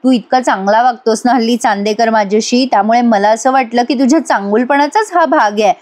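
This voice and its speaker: A sly young wife, sweetly mocking and always teasing, as a woman recapping a serial puts her on. She draws her lines out slowly with a playful, knowing lilt, set a little above a plain speaking voice. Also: on the high side, darkish tone, natural voice.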